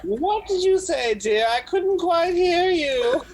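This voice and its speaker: A woman voicing a kindly, dotty old woman who is hard of hearing, fussy and halting in a tabletop game. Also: extremely high pitch, expressive, noisy background, pitched above the performer's own voice, exaggerated voice. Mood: flustered, confused. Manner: fussy endearments, flustered halting speech.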